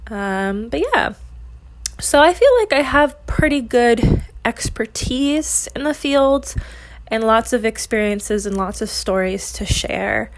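A woman podcast host speaking casually and conversationally, with a slight lisp, drawn-out S sounds and slightly slurred words. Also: fairly high pitch, animated, dry recording. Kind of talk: casual solo podcast introduction.

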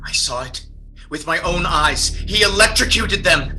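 A man's voice: high-pitched, lively intonation, unhurried, bright, forceful tone, faint music behind, exaggerated voice, poor audio. An actor playing an agitated young man bound in a straitjacket, insisting he is sane in strained, formal period speech, in a dramatic audio drama. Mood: distraught.

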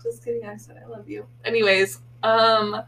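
A woman's voice: mid-range voice, level tone, moderate pace, fairly bright tone, recorded from a distance, low-quality recording. A young pregnant woman, co-hosting a casual podcast chat, teasing and laughing often while sounding sleepy. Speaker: podcast co-host, hairstylist.

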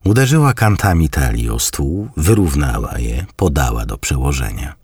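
A man narrating an audiobook in a measured, even storytelling manner. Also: rumbling low, breathy edge, no echo, clean studio sound. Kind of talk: scripted narration.

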